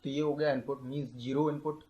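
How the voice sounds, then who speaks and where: Man slowly explaining computer science. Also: mid-range voice, fairly even intonation, mellow, highs cut off. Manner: explains step by step, mixing English terms into Hindi, slows down to dictate definitions. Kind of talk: explaining a lecture.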